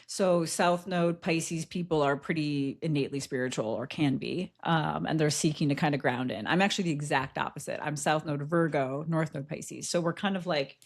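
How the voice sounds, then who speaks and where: A podcast co-host with a fairly low woman's voice. She tells a personal story candidly and reflectively. She laughs often and fills her speech with "like". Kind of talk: casual chat, personal storytelling.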